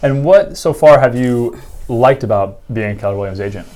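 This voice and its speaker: A man's voice: mid-range voice, normal speed, warm tone. A man hosting an interview show, asking questions and giving short encouraging replies. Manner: brief prompts and encouraging fillers. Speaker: interview host.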